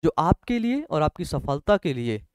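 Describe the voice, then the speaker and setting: Young male teacher, high clear voice, conversational motivational talk, often checks in with students, dry close mic. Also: very animated, normal speed, no room sound.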